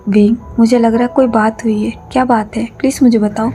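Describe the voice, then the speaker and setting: A woman's voice: a little high, little pitch movement, fairly quick, mellow, slight background noise, close to an everyday voice. A woman narrator voicing a loyal, protective young man who reassures his friend, in a storybook reading. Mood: concerned.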